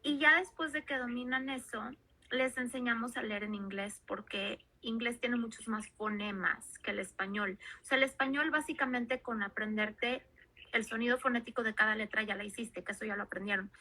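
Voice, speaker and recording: A woman's voice: a little high, fairly even intonation, moderate pace, sharp tone. A woman, hosting the interview for her school and chatting as she asks questions. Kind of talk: interview talk.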